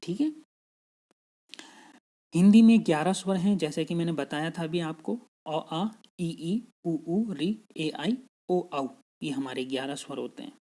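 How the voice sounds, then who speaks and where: A man's voice: a little high, a little slow, warm tone. A man teaching a grammar lesson patiently, repeating each point and checking in with his students. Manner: patient, repeats points, frequent "theek hai" check-ins.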